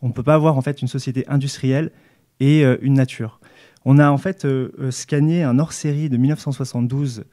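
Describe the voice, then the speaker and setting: A man's voice: medium pitch, steady tone, fairly quick, warm tone. A man in his thirties, guest on a casual discussion, speaking earnestly into a handheld mic with frequent restarts and fillers. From United States and France, raised in Montreal and New York. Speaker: activist guest. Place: small studio with brick wall.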